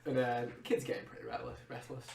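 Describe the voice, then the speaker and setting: A man's voice: mid-range voice, little pitch movement, fast, vocal fry, darkish tone. A man narrating a comedy tabletop game as game master, loose and playful. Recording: echoey room, far off the mic.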